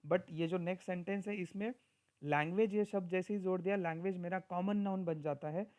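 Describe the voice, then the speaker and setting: A man teaching grammar in a recorded lecture, explaining step by step, speaking example sentences slowly and often checking in with his listeners. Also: high voice, steady tone, a little mellow. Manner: mixes Hindi and Marathi with English.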